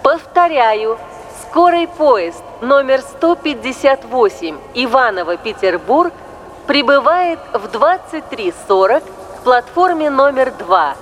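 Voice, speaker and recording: A woman reading formal train station announcements in a measured, even, official manner. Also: sits high, a little hiss or hum. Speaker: station announcer in a listening exercise.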